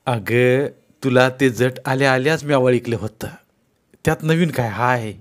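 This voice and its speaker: A man's voice: mid-range voice, a little slow, close to an everyday voice. A man voicing an eager young village husband with a rural Marathi accent.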